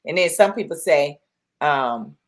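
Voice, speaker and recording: A woman's voice: low voice, lively intonation, unhurried. A middle-aged woman co-hosting a casual talk show, chatty, often repeating herself and pressing with questions. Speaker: podcast co-host. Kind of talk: casual chat.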